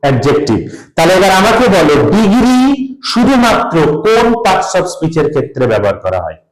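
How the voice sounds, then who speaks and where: A man teaching a grammar class, his voice sitting a little high. He quizzes his students and has them spell words back, his delivery rising and falling with lots of movement. The room around him is roomy and echoey. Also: big pitch swings, quick pace. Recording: roomy echo.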